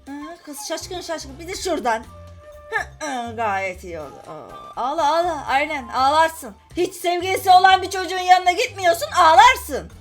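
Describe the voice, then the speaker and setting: A woman with a high, bright voice comments on a game as she plays. She scolds the characters, jumping between squealed outbursts and low grumbles. Faint game music plays underneath. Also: sing-song, normal speed. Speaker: gaming channel host. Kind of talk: casual gameplay commentary.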